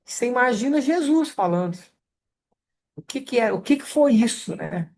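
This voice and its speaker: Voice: medium pitch, lively intonation, moderate pace, a little mellow. Conversational Brazilian study group leader. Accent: Brazilian Portuguese. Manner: conversational, checks in with listeners often. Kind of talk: online scripture study lesson.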